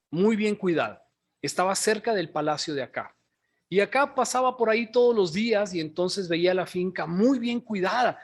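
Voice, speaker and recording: A male pastor preaching a sermon, retelling a story and asking the congregation questions as he goes. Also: sits high. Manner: storytelling, asks the congregation questions, says "hermanos" often.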